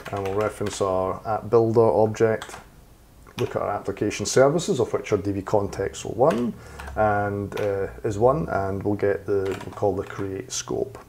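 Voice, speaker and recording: A man teaching a coding tutorial who thinks aloud as he types, with fillers and quick self-corrections, and sounds a little hoarse. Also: on the low side, a little mellow, slight background noise. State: slightly hoarse, losing his voice. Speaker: programming tutor. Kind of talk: screen-recorded coding tutorial. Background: keyboard typing and clicks.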